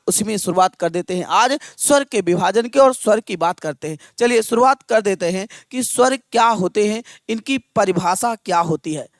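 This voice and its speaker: A man teaching an exam-prep lesson. He dictates slowly and repeats each phrase so students can write it down. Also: high-pitched, no echo, clean studio sound. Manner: opens with a recited verse, partly sung.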